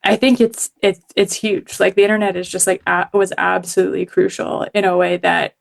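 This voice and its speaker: On a podcast, a journalist from Hong Kong speaks a little fast in a mid-range voice with a level tone and vocal fry. She's chatty and casual, dropping many fillers and laughing frequently.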